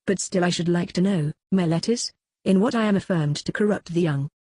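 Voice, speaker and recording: A reader voicing an aged philosopher on trial, cross-examining his accuser in a measured, questioning way in a dramatic reading. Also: mid-range voice, a little mellow, husky, dry recording, clean studio sound, natural voice. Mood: probing. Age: older. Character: aged male philosopher on trial, probing, ironic. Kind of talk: dramatic reading of a classical dialogue.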